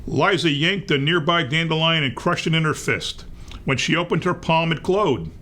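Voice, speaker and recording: A man reading a picture book aloud to young children in an expressive read-aloud manner. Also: a little high, moderate pace. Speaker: storybook reader.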